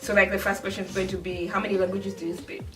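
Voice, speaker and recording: A woman's voice: medium pitch, little pitch movement, racing, distant mic, music in the background. A woman hosting a casual chat with friends, upbeat as she puts the questions to them. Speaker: channel host.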